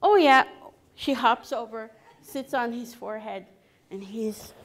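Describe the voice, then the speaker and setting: A woman telling a traditional story to an audience, acting out the characters with expressive sounds and an unhurried delivery. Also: a little high. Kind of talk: live oral storytelling lecture.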